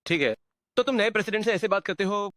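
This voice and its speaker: An actor playing a poor young man who turns out to be a rich family's heir, speaking haltingly. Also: sits high, lively intonation, fairly bright tone, no room sound. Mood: cold confident. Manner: hesitant, halting speech. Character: humble young man turned heir, stubborn. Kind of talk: dubbed short drama.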